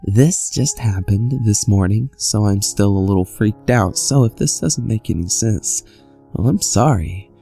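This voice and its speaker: A man's voice: on the low side, a little slow, vocal fry, mellow, breathy edge. A man reading creepy first-person stories from a script in a conversational storytelling manner. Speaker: horror story narrator. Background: music bed.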